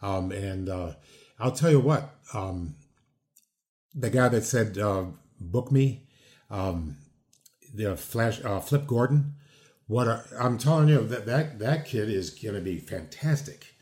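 This podcast host, a former wrestler in his sixties, keeps the interview chat loose and rambling, full of fillers and false starts. He speaks with a lowish, slightly mellow voice, taking his time but with lively intonation.

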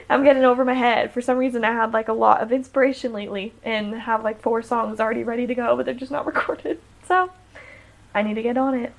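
A young American woman, a musician appearing as a podcast guest, chats casually, using lots of fillers and laughing often. Her voice is on the high side, expressive, a bit fast and creaky.

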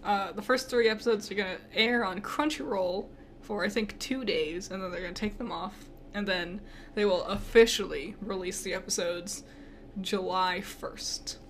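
A young woman co-hosts a casual podcast, cursing freely and laughing often. Her voice sits at medium pitch and moves at normal speed, with faint background noise in the recording.

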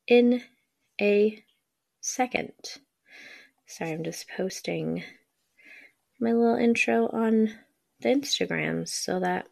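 A woman's voice: medium pitch, gravelly. A young adult woman hosting a casual solo podcast, rambling with lots of ums and sounding a bit frazzled. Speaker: podcast host.

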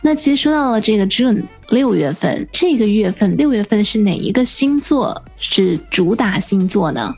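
A woman's voice: medium pitch, lively intonation, moderate pace, hardly any pauses, a little mellow, breathy edge, soft background music. A woman hosting a radio language lesson, asking curious questions and repeating the answers back. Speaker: host.

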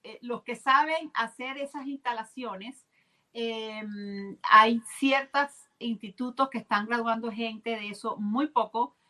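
A woman's voice: fairly high pitch, slow, pushed and bright, rough recording. A woman guest explaining her ideas earnestly and with enthusiasm in casual conversation.

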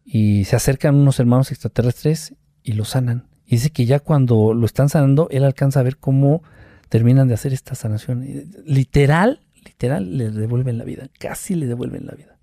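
A man's voice: mid-range voice, a little fast, no room sound, clean studio sound. Mexican man telling stories animatedly. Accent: Mexican Spanish. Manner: animated storyteller who acts out quotes with sound effects. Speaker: guest, UFO contactee. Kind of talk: casual storytelling interview.

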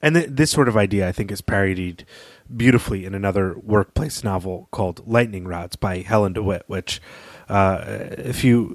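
A man with a lowish voice co-hosts a podcast, discussing literature in an articulate, analytical, and emphatic conversational manner. The recording is dry.

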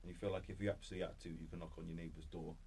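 Man, deep voice, Cardiff accent, informal interview guest, slangy, repetitive phrasing. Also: little pitch movement, rapid-fire, creaky, warm tone, a little hiss or hum. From Cardiff, Wales. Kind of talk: casual chat.

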